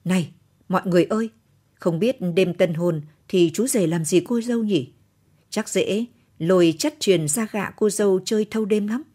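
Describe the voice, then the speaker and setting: A cheeky young grandson who teases and gossips, as a woman narrator puts him on in a storybook reading. The voice is husky and warm. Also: mid-range voice, normal speed, natural voice. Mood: teasing. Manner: cheeky, teasing.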